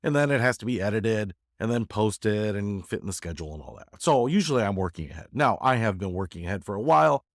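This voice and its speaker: Low-voiced, congested man chatting casually. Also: very animated, quick pace, few pauses, no echo, studio quality. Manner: self-deprecating, joking. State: congested from a head cold. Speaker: YouTuber giving a channel update. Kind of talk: casual rambling chat to viewers.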